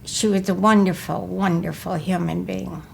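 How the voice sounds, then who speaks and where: A woman in her eighties from Wisconsin, recalling her life in a slow, careful, measured way during an interview. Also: on the low side, fairly even intonation, gravelly, darkish tone, slight background noise. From Milwaukee, Wisconsin. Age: 80s. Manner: slow, careful, measured recollection, often asking to repeat. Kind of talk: recorded life-story interview.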